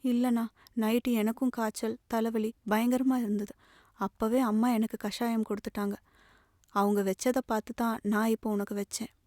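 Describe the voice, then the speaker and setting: A woman reading the part of a young college girl, a tearful younger sister speaking softly and plaintively. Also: on the high side, flat delivery, moderate pace, dry recording, clean studio sound, natural voice. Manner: soft, plaintive.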